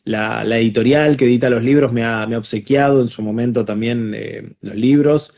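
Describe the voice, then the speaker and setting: A man's voice: medium pitch, steady tone, normal speed, vocal fry, a little mellow. A man being interviewed as a guest voice actor, talking in a reflective, casual way with frequent small restarts.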